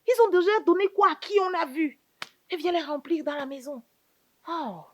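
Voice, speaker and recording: A sassy scheming aunt. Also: female voice, very high voice, animated, normal speed, slight background noise. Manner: theatrical, needling rhetorical questions, repeated "hein". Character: sassy scheming younger aunt, mocking and quarrelsome. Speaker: sitcom actress. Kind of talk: comedic sitcom acting.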